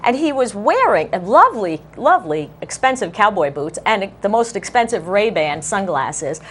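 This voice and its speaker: A woman co-hosting a casual political talk show, animated and quick to laugh. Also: medium pitch, a little hiss or hum. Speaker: co-host.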